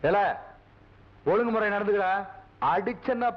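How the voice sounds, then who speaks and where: An actor playing a blunt, gruff village patriarch in a film drama, giving orders. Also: male voice, high voice, fairly even intonation, measured pace. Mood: commanding. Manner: gruff, commanding. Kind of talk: Tamil film drama dialogue. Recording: dull lo-fi film soundtrack.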